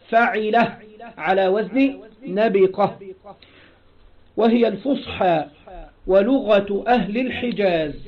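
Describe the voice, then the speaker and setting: Egyptian male grammar teacher, high voice, methodical, quizzes students, dull lo-fi recording. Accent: Egyptian Arabic. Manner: explains step by step, poses rhetorical questions to students. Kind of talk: classical Arabic grammar lesson.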